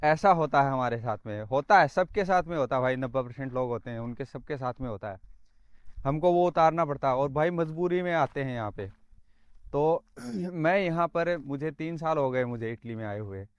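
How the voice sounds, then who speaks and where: Earnest man, smooth clear voice. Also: mid-range voice, normal speed, no echo, lo-fi sound. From Rajasthan, India. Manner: earnest, repeats phrases, says "bhai" often. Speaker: vlogger. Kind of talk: casual vlog talk.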